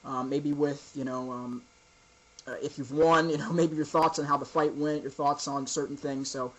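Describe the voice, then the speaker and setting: A man hosting an informal interview, asking casual questions in a halting, roundabout way. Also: fairly high pitch, steady tone, fairly bright tone, rough recording.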